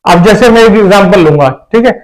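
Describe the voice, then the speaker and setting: A man's voice: high voice, fast, poor audio. A man teaching a grammar lesson, explaining step by step and often repeating himself to check that listeners follow. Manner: repetitive, explains each point step by step. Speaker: English teacher. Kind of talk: classroom-style grammar lesson.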